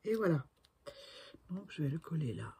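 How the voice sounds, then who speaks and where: A woman's voice: deep voice, big pitch swings, moderate pace, dark tone, a little hiss or hum. A woman in her sixties chatting through a crafting tutorial, talking to herself as she works and often trailing off to a murmur. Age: 60s. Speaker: crafting video maker.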